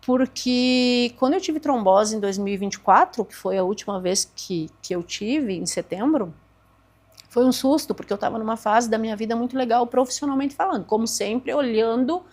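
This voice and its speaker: A woman in her forties, a therapist and speaker, appears as a podcast guest and earnestly tells her own story, acting out past conversations. Her voice is a little high and darkish in tone, at a moderate pace.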